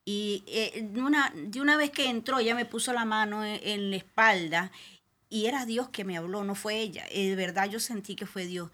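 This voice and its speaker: A woman's voice: mid-range voice, normal speed, bright, forceful tone. A middle-aged woman, a pastor's wife, telling a personal testimony with emotion and many restarts.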